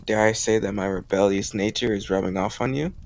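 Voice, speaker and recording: In a romantic audio roleplay, a man plays a smitten college guy, his low voice full of gravelly fry. He speaks briskly in a teasing, confident, intimate manner, with a flirty, upbeat mood.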